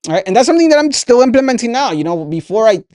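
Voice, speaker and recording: Racing along with big swings in pitch, he speaks in a very high, slightly mellow voice. He's a twenty-something podcast host and entrepreneur giving a motivational talk, passing lessons directly to listeners earnestly and conversationally, often adding "right?". The audio is clean studio sound with no echo.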